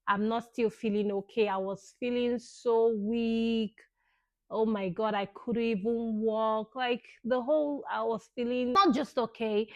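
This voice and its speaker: A woman's voice: on the high side, no room sound. A young woman vlogger earnestly recounting a personal experience in a casual, thankful way, often saying "you know".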